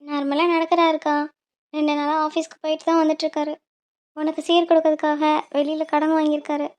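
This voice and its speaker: A high-pitched voice plays the girls and women of a home-made animated cartoon. It moves between soft worry among friends and a mother's cutting scorn. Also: fast talker. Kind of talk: animated Tamil cartoon voice acting.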